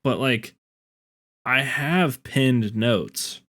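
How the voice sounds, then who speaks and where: A man's voice: mid-range voice, extremely slow, a bit bright. A man co-hosting a podcast in casual, informal back-and-forth banter. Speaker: podcast co-host.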